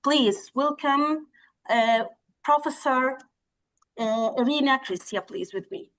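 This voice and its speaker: Woman hosting a zoom conference session, friendly and encouraging, bit high voice. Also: slow, a bit bright. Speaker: session chair. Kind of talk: conference introduction. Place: indoor room, video call. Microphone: laptop mic on video call.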